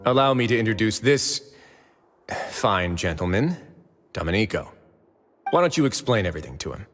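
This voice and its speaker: Casting: a politely mocking game boss, lower pitch, animated intonation. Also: male voice, moderate pace, in a large hall, faint music behind. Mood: wry. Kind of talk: video game voice acting.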